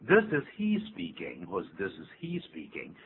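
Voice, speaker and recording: An older man hosting a radio English lesson, explaining phrases in an animated, teacherly way. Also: low-pitched, normal speed. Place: radio studio. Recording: tinny lo-fi radio broadcast with faint hum.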